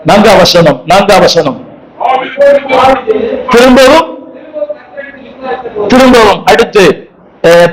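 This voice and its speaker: A preacher with a strikingly high-pitched male voice guides his congregation through a sermon in call-and-response style. He delivers it forcefully, going over lines again and prompting the crowd to repeat them aloud.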